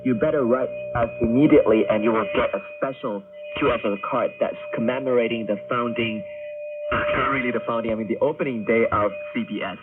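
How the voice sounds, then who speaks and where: This man hosts radio, making announcements and bantering with a co-host in a medium-pitched, fairly quick voice. The sound is tinny, like shortwave radio, with music underneath.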